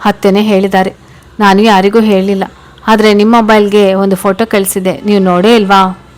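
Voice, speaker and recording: A woman's voice: medium pitch, little pitch movement, fairly quick, natural voice. A playful young pregnant wife from a storybook, coaxing and pleading with her husband, as a woman reader puts her on. She speaks affectionately, in an everyday voice. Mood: gentle.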